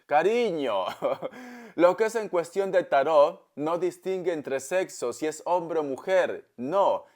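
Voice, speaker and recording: A man's voice: fairly high pitch, a little mellow. A man giving a tarot reading, telling a parable and calling the listener darling, with frequent talk of God. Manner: calls the listener "darling" often, preachy storytelling; religious, invokes God often. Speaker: tarot reader. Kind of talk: tarot reading monologue to camera.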